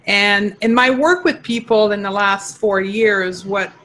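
A native French-speaking woman from Quebec, Canada, with a Quebec French accent, talks at a measured pace in a mid-range, slightly bright voice. The low-quality recording carries a little hiss or hum. Appearing as a nutritionist guest in a casual interview, she explains things earnestly, often restarting.

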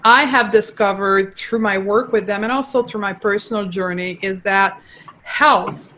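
A woman's voice: mid-range voice, measured pace, sharp tone, a little hiss or hum, low-quality recording. A woman from Quebec with a Quebec French accent, a native French speaker, talking as a nutritionist guest in an earnest, explaining way. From Quebec, Canada. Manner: earnest, explaining, frequent restarts. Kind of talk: casual interview talk.

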